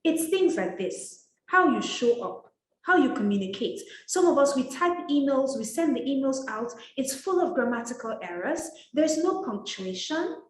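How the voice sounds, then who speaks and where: Emphatic etiquette coach woman, lively pitch. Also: normal speed, a little hiss or hum. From Nigeria. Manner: emphatic, direct, scolding and lively. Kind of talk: motivational masterclass talk. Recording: roomy echo.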